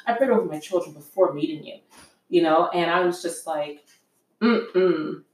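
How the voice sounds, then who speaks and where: A young woman chatting casually with her husband, telling stories with lively acted-out voices and frequent laughter. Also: on the low side, fairly quick, distant mic. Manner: animated storyteller, acts out voices, laughs often. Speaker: co-host of a couples talk show. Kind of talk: casual chat. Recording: roomy sound, off mic.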